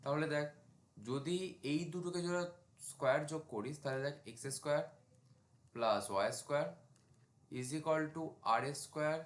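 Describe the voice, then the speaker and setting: A man's voice: on the high side, normal speed, roomy sound. A man, teaching a math lesson in a casual classroom style and talking students through each step as he writes. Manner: talks students through steps while writing, asks them checking questions. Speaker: math tutor.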